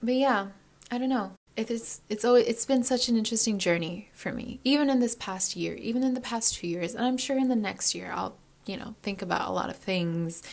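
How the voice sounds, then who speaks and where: A woman's voice: medium pitch, gravelly. A young woman in her early twenties speaks in a casual confessional vlog. She rambles and restarts her sentences, and leans on fillers as she thinks aloud. Her tone stays candid and reflective. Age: early 20s. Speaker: vlogger.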